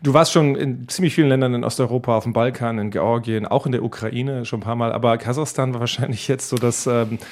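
A German-speaking man hosting a casual interview, asking relaxed follow-up questions. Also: medium pitch, fast talker, few pauses. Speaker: podcast host.

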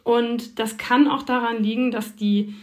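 A woman's voice: a little high, level tone, a little slow. A woman correspondent answering interview questions, thoughtful and explanatory, with frequent fillers. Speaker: foreign correspondent.

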